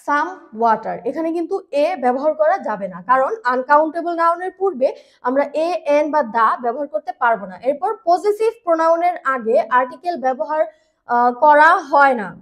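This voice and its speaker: A woman teaching English grammar in a patient, repetitive way, slowing down on key words and using fillers. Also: high-pitched. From Bangladesh. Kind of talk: grammar lesson explanation.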